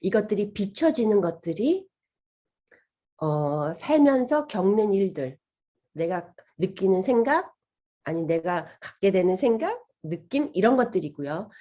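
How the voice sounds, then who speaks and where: A woman's voice: medium pitch, sing-song, measured pace, mellow. A woman giving a healing lecture, asking her listeners questions and acting out inner voices as she talks. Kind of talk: gentle lecture to an audience.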